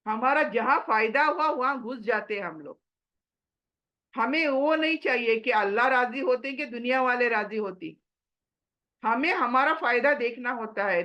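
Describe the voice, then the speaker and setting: A woman's voice: fairly high pitch, sharp tone. A woman giving a religious lesson in an earnest, exhorting manner, slipping English phrases into her talk. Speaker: Quran teacher.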